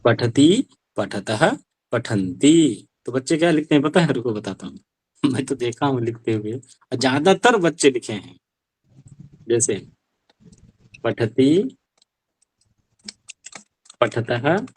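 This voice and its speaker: A man's voice: medium pitch, lively intonation, normal speed, long pauses, no echo. A male Sanskrit teacher giving an online language class, explaining step by step and asking rhetorical questions.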